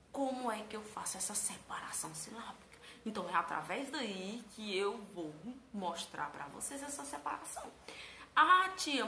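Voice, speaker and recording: A woman's voice: medium pitch, vocal fry, bright, forceful tone, roomy sound, slight background noise. A woman teacher giving a recorded lesson to primary school children, patient and chatty, calling herself "tia".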